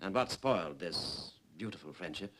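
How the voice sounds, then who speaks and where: An actor playing a combative naval prosecutor, sarcastic and quarrelsome. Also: male voice, low voice, animated, normal speed, noisy background. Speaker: prosecuting officer.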